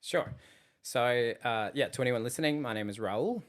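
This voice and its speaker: A man from Chile, a fitness coach guesting on a podcast, speaking in a relaxed, hesitant way with many ums. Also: medium pitch, moderate pace. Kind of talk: casual interview.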